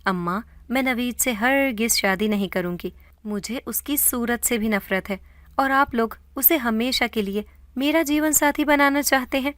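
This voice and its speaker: A woman's voice: a little high, a bit bright, dry recording, voice pushed up, natural voice. Give me a woman doing an emotional young woman pleading with her mother, dry recording. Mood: defiant. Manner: emotional, tearful. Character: defiant young woman refusing a marriage.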